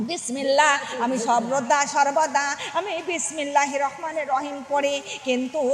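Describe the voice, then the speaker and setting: A pious young wife speaks earnestly and pleadingly, voiced by a woman preacher as she tells the tale. The voice is very high and bright. It rings out with a long hall reverb.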